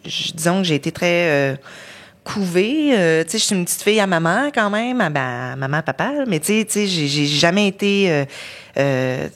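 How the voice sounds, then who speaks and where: Woman with a Lac-Saint-Jean accent, halting. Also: on the low side, expressive. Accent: Lac-Saint-Jean Quebec French. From Lac-Saint-Jean, Quebec. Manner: hesitant, many fillers and restarts. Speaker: guest, actress. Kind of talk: casual podcast conversation.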